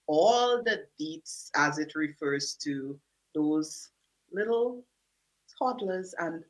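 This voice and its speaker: A woman's voice: low voice, expressive, takes it slowly, low-quality recording. A woman hosting a radio talk show in a casual, chatty way. She often restarts her sentences as she talks.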